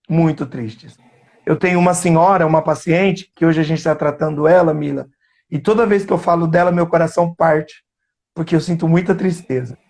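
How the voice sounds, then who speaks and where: A psychoanalyst with a Brazilian Portuguese accent, telling a patient's story in earnest during a live interview and slowing down to stress key words. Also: male voice, high-pitched, darkish tone. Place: remote live stream.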